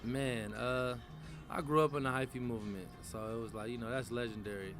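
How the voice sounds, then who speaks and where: A man's voice: mid-range voice, steady tone, a little fast, music in the background. A man, a rapper talking casually in an interview, loose and slangy with many fillers and restarts. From San Francisco Bay Area. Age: 20s. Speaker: rapper guest.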